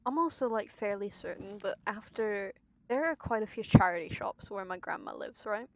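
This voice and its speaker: A young British woman with a lisp that slushes her s sounds chats casually while streaming a game, rambling, swearing and exclaiming. Her voice is medium-pitched, expressive and darkish, at normal speed, on a rough recording.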